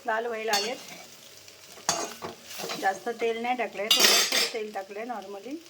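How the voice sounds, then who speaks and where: A woman's voice: a little high, fairly even intonation, unhurried. A woman, explaining a home cooking recipe step by step and chatting to her parrot between steps. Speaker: home cook. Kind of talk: cooking demonstration. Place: home kitchen. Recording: loud kitchen noise. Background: sizzling pan and clattering pots.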